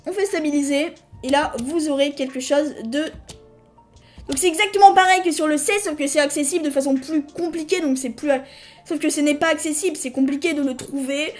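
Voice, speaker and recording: A woman hosting a casual screen-recorded software tutorial. She talks in a chatty, hesitant way, restarts her sentences and apologizes to viewers now and then. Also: high-pitched, a little fast, soft background music. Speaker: tutorial host.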